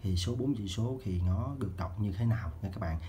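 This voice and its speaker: Low-voiced man teaching children's math. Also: fairly quick, warm tone. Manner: repetitive, checking in often. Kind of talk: casual math lesson for children. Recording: dull lo-fi home recording with faint noise.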